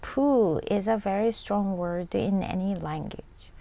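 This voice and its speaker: A Korean-native woman reading a storybook aloud, voicing a shy, hopeful older man who coaxes slowly and deliberately. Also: high-pitched, gravelly, heavily acted. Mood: coaxing. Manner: gently coaxing, slow and deliberate.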